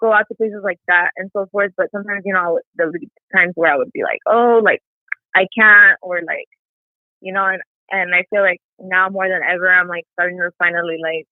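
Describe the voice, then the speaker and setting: Speaking as an interview guest on a phone call, a young woman keeps things casual, often saying "like" and "you know." She talks fairly quickly in a low, fairly even voice. The tinny line sounds dry.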